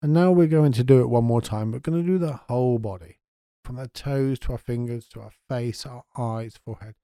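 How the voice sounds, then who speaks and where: A man leads a guided sleep meditation in a soft, unhurried voice. His tone is deeply mellow and warm. The sound is dry and close. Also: clean tone, no room sound. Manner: soft, slow and soothing.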